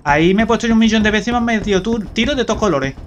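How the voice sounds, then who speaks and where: A man with an accent from Spain, commenting live on his own gameplay, excitable, swearing and exclaiming often. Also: high voice, rapid-fire, highs cut off. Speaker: gameplay streamer. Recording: gunfire noise from the game.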